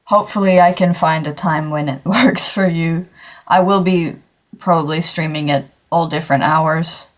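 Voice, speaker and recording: A woman's voice: sits low, steady tone, normal speed. A teenage girl from Australia, chatting casually on a drawing livestream and rambling with lots of fillers and self-corrections. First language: English. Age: teens. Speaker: streamer.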